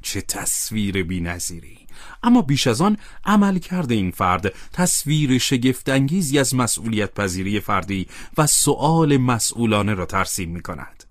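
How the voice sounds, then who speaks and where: A man narrating an audiobook in a calm, measured reading voice. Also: mid-range voice, no room sound, clean studio sound.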